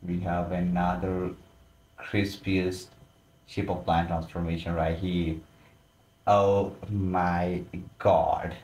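A man's voice: low voice, level tone, slow, darkish tone. A man giving casual voice-over commentary with frequent exclamations and loose, informal phrasing. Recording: roomy echo.

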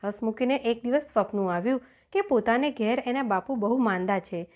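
A woman narrating a children's folk tale in an expressive, storytelling manner. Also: on the high side, moderate pace. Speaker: audiobook narrator.

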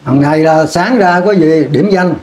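Speaking at a normal speed, this man has a fairly high, darkish voice. He's a Vietnamese veteran being interviewed about the war, and he rambles, restarting sentences and repeating words.

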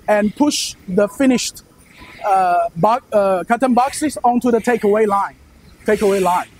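A man from China in his thirties, whose first language is Chinese, gives a warehouse tour to a visitor in accented English and a fairly high voice. He explains steadily as a company presenter, yet often repeats phrases, restarts sentences, and fills gaps with "uh." The rough recording comes from a close lapel mic, with a faint machinery hum echoing through the large indoor space.

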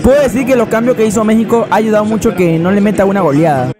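A man gives excitable, joking live reactions to a football match and chats to his cat. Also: sits high, fast.

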